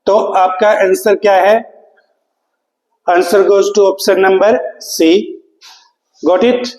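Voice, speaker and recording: A man's voice: high-pitched, fairly even intonation, extremely slow, darkish tone, echoey room, long reverb tail, poor audio. A man teaching English spelling to exam students, spelling words out letter by letter and asking the class questions he then answers himself. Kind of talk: exam prep lecture.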